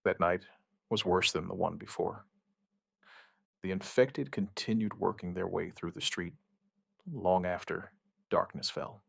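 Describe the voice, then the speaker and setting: Delivering a scripted first-person survivor horror tale, a man speaks with gravity, using short, measured phrases and dramatic pauses. He has a deep voice. It's a dry, studio-quality recording.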